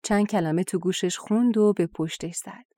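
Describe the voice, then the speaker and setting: A woman reading a folk tale aloud as an audiobook, in a steady, gentle narration. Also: mid-range voice, no room sound, studio quality. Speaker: audiobook reader. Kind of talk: scripted storybook narration.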